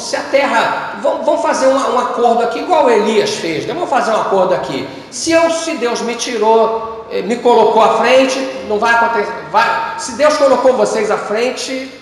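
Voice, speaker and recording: Brazilian pastor preaching, highish voice, acts out the bible bits, big echoey church hall. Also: male voice. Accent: Brazilian Portuguese. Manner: storytelling preacher, acts out dialogue, swings from loud to low. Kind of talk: sermon.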